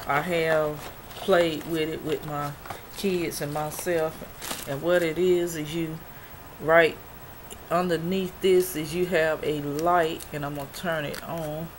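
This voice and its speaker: A product review vlogger in her forties shows off mail she received in a casual haul video, chatty and rambling with many ums. Her deep voice barely moves in pitch, goes slowly, and sounds a bit worn as she's losing it. She's in a small, dim bedroom, recorded noisily on a built-in webcam mic at arm's length.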